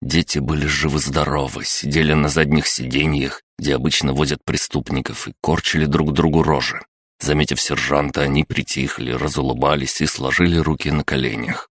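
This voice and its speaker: A man narrating a fantasy audiobook in the first person, calm and measured with a wry edge. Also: extremely low pitch, no echo, studio quality.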